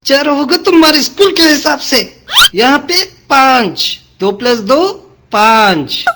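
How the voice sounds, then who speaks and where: A woman's voice: sits high, animated, slow pace, heavy background noise, pitched below the performer's own voice. A woman voicing a grumpy, bullying male tuition teacher who scolds and threatens his students in a cartoon. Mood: scolding. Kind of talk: cartoon voice acting.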